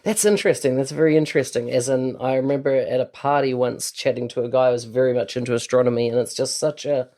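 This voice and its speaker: A man hosting an interview podcast, enthusiastic, often breaking in with "wow" and warm encouragement. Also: medium pitch, quick pace, few pauses. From New Zealand. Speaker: podcast host.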